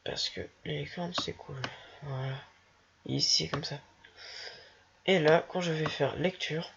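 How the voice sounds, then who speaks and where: A speaker casually walking through a software tutorial while thinking aloud, hesitant and self-mocking. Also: medium pitch, fairly even intonation, unhurried, gravelly, background noise. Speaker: tutorial maker. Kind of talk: casual screen-recorded software walkthrough. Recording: dull lo-fi home recording.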